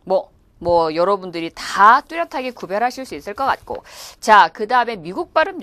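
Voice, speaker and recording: A woman teaching an English test class, animated and playful as she demonstrates pronunciation. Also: mid-range voice, no room sound. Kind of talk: lively classroom lecture.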